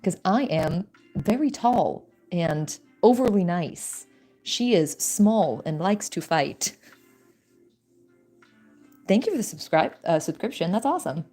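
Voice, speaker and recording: A young woman streaming while working on an animatic, chatting casually in a soft-spoken way, with frequent fillers and small laughs. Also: on the low side, animated, takes it slowly, soft background music. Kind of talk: casual chat.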